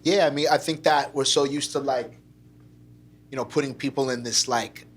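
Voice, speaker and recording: A man at mid pitch hosting a conversation. His talk is easygoing and slangy, and he strings short affirmations together between his questions. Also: fairly even intonation, normal speed, breathy edge. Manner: laid-back, slangy, repeats "word". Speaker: interview host. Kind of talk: casual interview chat.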